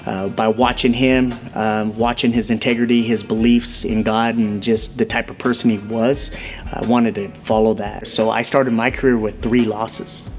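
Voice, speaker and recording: A man in his forties with a lowish, steady voice tells his story in a documentary interview. His delivery is measured and reflective, with little rise and fall in pitch. Soft music plays faintly behind him. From United States. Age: 40s. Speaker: police officer and amateur boxer.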